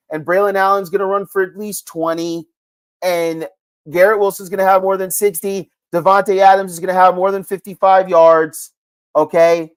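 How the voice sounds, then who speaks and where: A middle-aged man hosting a sports podcast, talking in an excitable, rambling way with big swings in pitch and loudness. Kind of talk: casual sports commentary.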